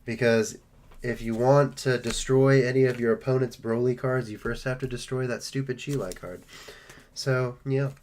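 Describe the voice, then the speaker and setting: A man's voice: mid-range voice, fairly even intonation, normal speed, a little mellow. Joking man opening trading card packs. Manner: joking, rambling, playful. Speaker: host of a card-opening live stream. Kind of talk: casual live stream chat.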